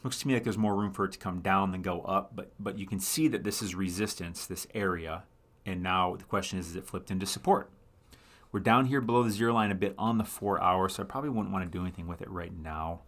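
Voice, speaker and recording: A man's voice: low-pitched, fast talker, a bit bright. A man hosting a casual live stream, thinking aloud as he analyses charts, answering viewers and often correcting himself mid-sentence. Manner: thinks aloud, rambling with frequent self-corrections; reads viewer comments and answers them. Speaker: livestream host.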